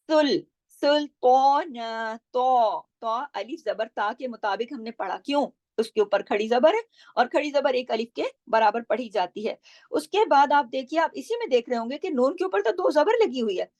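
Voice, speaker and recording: A woman teaching Quran recitation rules, patiently explaining and slowly repeating syllables to model each sound. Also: sits high, a little mellow, no room sound. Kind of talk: tajweed lesson, explaining pronunciation.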